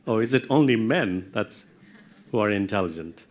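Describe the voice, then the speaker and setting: A man's voice: fairly low pitch, animated, moderate pace. A middle-aged man giving a university lecture, explaining step by step and putting questions to his audience in a lecture room.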